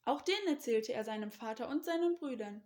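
Higher-voiced woman telling a children's story. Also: lively intonation, fairly quick, darkish tone. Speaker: children's church service leader.

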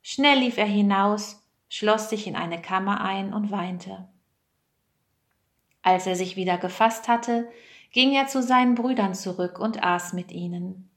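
A woman reads a Bible story aloud for children. She takes her time and reads slowly and clearly. Her voice sits at a middle pitch. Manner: slow, clear reading. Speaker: storyteller, children's choir member.

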